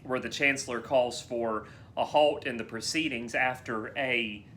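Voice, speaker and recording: A man co-hosting a relaxed movie podcast, with a bright, forward voice. He talks in long, eager runs and often restarts his phrases. A faint hiss and a low rumble sit under the recording. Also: a little slow. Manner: animated, rambling with many restarts. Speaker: podcast co-host. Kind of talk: casual film discussion chat.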